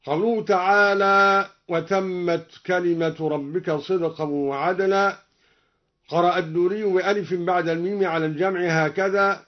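A man teaching Quranic reading variants, moving between brisk explanation and slow melodic recitation of the verses. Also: on the high side. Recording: muffled lo-fi recording.

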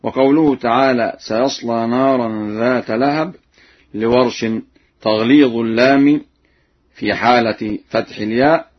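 A man gives a slow, deliberate lesson on Quranic recitation, his voice somewhat husky. He stops often to chant the verses in a melodic recitation. The recording sounds dull and lo-fi. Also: mid-range voice, steady tone. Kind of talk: lesson on Quranic reading variants with recited examples.

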